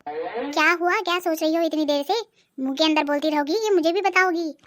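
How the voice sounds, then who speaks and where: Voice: high-pitched, expressive, a little fast, fairly bright tone, slight background noise. A voice artist playing a henpecked older cartoon husband who teases his wife and complains about her. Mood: teasing. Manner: mocking, wheedling, complaining. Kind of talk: cartoon voice acting.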